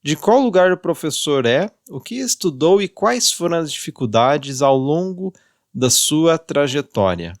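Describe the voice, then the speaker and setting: A man from Brazil hosting a podcast, reading a scripted introduction and asking questions in a measured, formal way. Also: a little high, very animated, no room sound, clean studio sound. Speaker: podcast host.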